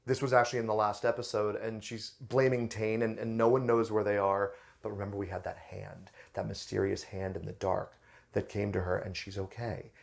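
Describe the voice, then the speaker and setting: Gravelly-voiced man, chatty review host. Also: lowish voice, little pitch movement, fairly quick. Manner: chatty and enthusiastic, with fillers and restarts. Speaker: host of a book and film review channel. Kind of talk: casual review commentary.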